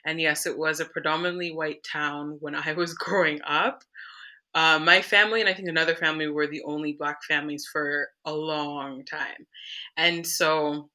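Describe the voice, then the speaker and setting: A woman's voice: low-pitched, fairly even intonation, moderate pace, pushed and bright. A young woman from Canada, a podcast guest telling her story in an earnest, reflective way. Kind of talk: candid conversational interview.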